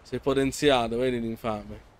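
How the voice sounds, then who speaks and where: A man hosting a let's play, commenting excitably and yelling and pleading at the boss. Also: mid-range voice, moderate pace, a little hiss or hum. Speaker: gameplay channel host.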